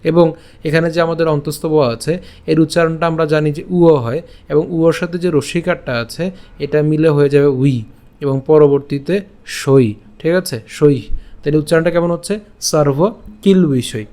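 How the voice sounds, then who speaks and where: A man's voice: a little high, steady tone, brisk, a little mellow. A young man teaching Sanskrit pronunciation in an online lesson, breaking each word into syllables and asking the class rhetorical questions. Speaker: Gita recitation teacher.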